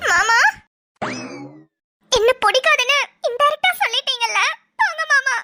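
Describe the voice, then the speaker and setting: A woman's voice: very high voice, lively intonation, a little slow, music in the background. A woman voicing a sulky, tearful young cartoon woman complaining to her would-be groom. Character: sulky lovesick girl cousin Angavai. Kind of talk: cartoon voice acting.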